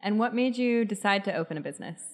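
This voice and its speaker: A woman's voice: medium pitch, animated, fast. A woman hosting a podcast and putting questions to a guest. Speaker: podcast host and interviewer.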